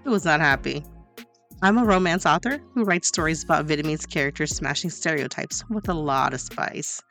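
A woman's voice: sits low, moderate pace, a bit bright. A woman in her forties from Louisiana, a romance author, giving a confident, sassy self-introduction. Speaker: podcast contributor, romance author. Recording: podcast with faint music underneath.

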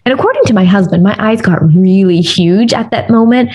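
A young woman from the United States tells personal stories in a relaxed, chatty way, speaking straight to her listeners. Her voice is slightly husky and breathy, and sits at an ordinary pitch for a woman. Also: brisk, rough recording. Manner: chatty and candid, addresses listeners directly. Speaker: vlogger sharing personal stories. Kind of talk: casual first-person storytelling.

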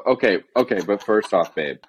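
A young man from the Midwest talks on a podcast in a very deep, low register. He keeps a flat, deadpan monotone and strings his thoughts together with steady "like" and "um" fillers. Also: moderate pace. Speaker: podcast guest. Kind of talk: casual podcast chat.

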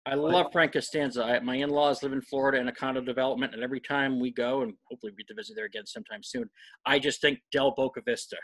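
A man's voice: mid-range voice, fairly even intonation, a bit bright, no room sound, poor audio. Dry-sounding man chatting casually. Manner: rambling, chatty, quick laughs. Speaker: co-host. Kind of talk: casual chat.

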